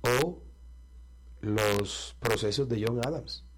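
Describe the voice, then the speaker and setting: A presidential candidate with a Colombian Caribbean coast accent answers interview questions confidently, combatively and emphatically. His mid-range male voice moves at a slow pace, with slight background noise.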